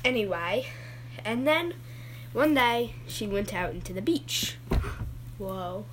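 A woman's voice: mid-range voice, animated, slow, fairly bright tone, slight background noise. A woman voicing a goofy, rambling adult male dad who keeps getting sidetracked in his story.

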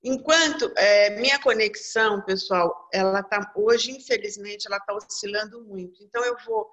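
A woman's voice: medium pitch, moderate pace, a bit bright. A woman facilitating an online group, prompting people in a friendly, encouraging way. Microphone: video call. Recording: dull, lo-fi video call audio.

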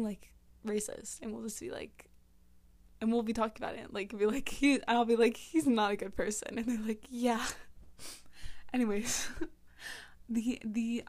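A woman's voice: on the high side, darkish tone. A teenage girl chatting casually about a book she is reading, rambling and giggly, with lots of "like". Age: teens. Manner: rambling, giggly, heavy use of "like". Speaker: book vlogger.

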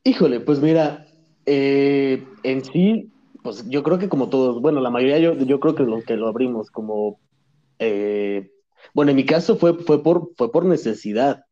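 A man as a podcast guest, talking in a relaxed, laughing way, with many repeats and restarts. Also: mid-range voice, measured pace, lo-fi sound. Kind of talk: casual interview chat.

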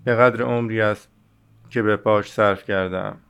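A man reading as the Little Prince, gravelly and earnest. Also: lowish voice, fairly even intonation, fairly bright tone, highs cut off. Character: small boy prince, earnest and curious. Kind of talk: audiobook reading.

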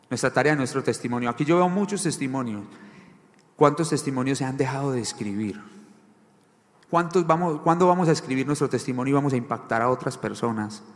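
A male pastor giving a sermon, asking the congregation questions and repeating key phrases for emphasis. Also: mid-range voice. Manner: preaching with rhetorical questions and repetition. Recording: long reverb of a large hall.

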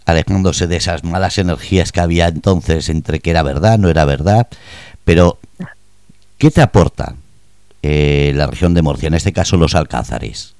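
A man's voice: very deep voice, moderate pace, vocal fry, a little mellow, dry recording. A man hosting a radio interview, asking playful, probing questions. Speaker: radio host.

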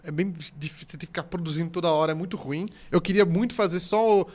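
A man's voice: fairly high pitch, quick pace, a little mellow. A man, a comedian chatting casually on a podcast, rambling with many restarts and jokes.

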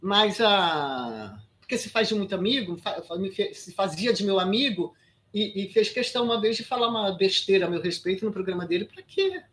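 An animated Brazilian woman in her sixties recounts her past in a relaxed interview. She talks emphatically, stumbles and restarts often, and tosses in quick "sabe?" checks. Her voice sits at an ordinary middle pitch. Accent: Brazilian Portuguese. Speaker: guest actress. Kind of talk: casual interview storytelling.

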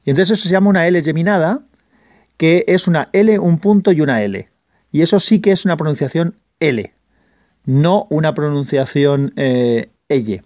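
Valencian-accented male vlog host, slightly high and warm, clarifies patiently, dry close sound. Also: no echo. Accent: Valencian Spanish. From Valencia, Spain. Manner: patient, restates and clarifies points with frequent "eh" pauses. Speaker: channel host. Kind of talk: casual explainer monologue.

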